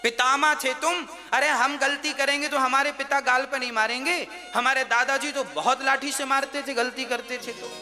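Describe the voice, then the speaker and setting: A man's voice: very high-pitched, steady tone, normal speed, hardly any pauses. A man telling a devotional story as a sermon, urging the listeners directly as he preaches to an audience in a large hall. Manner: exhorting, addresses listeners directly. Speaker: religious storyteller. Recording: reverberant hall with instrumental music.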